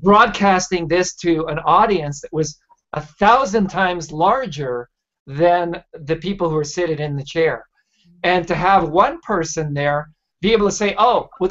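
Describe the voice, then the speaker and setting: A man's voice: high voice, a bit bright. Rambling male host on a lo-fi video call. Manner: rambling, enthusiastic storytelling. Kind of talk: casual video-call conversation. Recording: dull lo-fi video-call audio.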